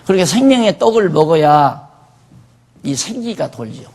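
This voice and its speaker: Man, pastor, sermon, husky, slightly high voice, chatty rhetorical questions. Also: very animated, moderate pace, darkish tone. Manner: conversational, asks the listeners rhetorical questions.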